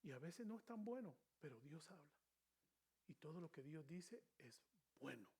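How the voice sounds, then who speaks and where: A man with a notably high voice teaches a Bible study the way a preacher delivers a sermon. He hammers key words loudly, then sinks into hushed asides, and slips English phrases into his speech. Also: sing-song, normal speed, slightly rough. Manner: emphatic, swings between loud stresses and quiet asides; drops short English phrases into his Spanish.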